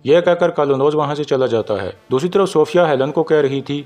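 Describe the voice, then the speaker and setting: A man with a Pakistani Urdu accent narrates a drama episode recap in a steady storytelling manner, reading the characters' lines out in his own voice. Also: on the high side, brisk. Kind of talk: scripted narration. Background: faint background music.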